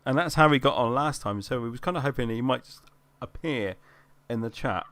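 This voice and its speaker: A man's voice: medium pitch, brisk, fairly bright tone, dry recording. A man hosting a live stream on a video call, chatting casually, laughing often and swearing freely. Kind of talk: casual chat.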